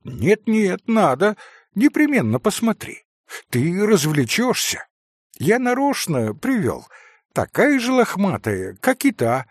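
A man reading an audiobook, putting on the voice of an excited, insistent teenage schoolboy. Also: high voice, slow pace, dry recording, clean studio sound, pitched above the performer's own voice, full character voice. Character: eager, bossy teenage schoolboy, talking fast.

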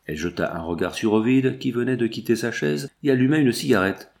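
A man reading a novel aloud as the narrator, in measured, even scripted narration. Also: mid-range voice, gravelly. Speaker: audiobook narrator.

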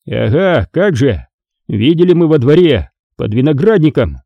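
A man's voice: on the high side, big pitch swings, a little slow, no echo, muffled recording, exaggerated voice. A man voicing a grumbling, suspicious male rescue worker who blurts out exclamations, in an audiobook. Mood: aggrieved.

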